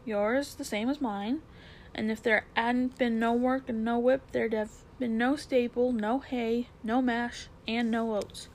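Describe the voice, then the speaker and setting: A woman's voice: a little high, steady tone, measured pace, darkish tone, slight background noise, poor audio. A woman doing a blunt Cockney cabman. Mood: earnest. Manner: h-dropping, earthy and blunt. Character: gruff working-class London cabman, plain-spoken.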